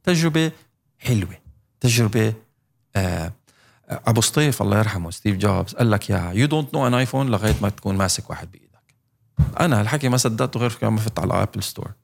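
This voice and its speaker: A man's voice: lowish voice, lively intonation, quick pace, vocal fry. A man chatting casually and animatedly, mixing in English words and laughing often. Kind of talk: casual chat.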